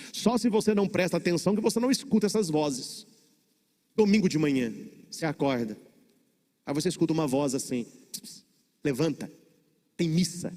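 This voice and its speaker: High-voiced Brazilian priest preaching in a church. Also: male voice, a little mellow, long reverb tail. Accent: Brazilian Portuguese. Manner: preaching with dramatic pauses and repetition. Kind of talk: sermon.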